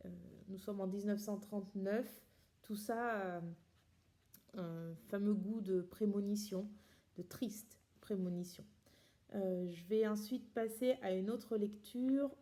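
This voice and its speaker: A woman reads a diary aloud at a calm, measured pace, her voice dark and mellow. She pauses now and then, adding her own comments with hesitant fillers. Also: mid-range voice. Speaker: reader.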